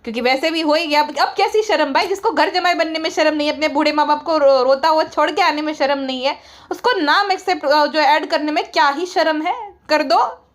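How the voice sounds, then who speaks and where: A woman's voice: high-pitched, fairly quick. A woman giving a sarcastic, mocking gossip commentary and mimicking the people she criticizes. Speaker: online commentator.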